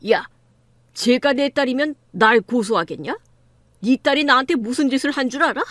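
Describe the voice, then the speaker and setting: A woman's voice: high voice, lively intonation, normal speed, a bit bright, no room sound. A woman voicing an arrogant, crude middle-aged man who runs a law firm, in an audiobook drama reading, talking in a sneering, bullying way.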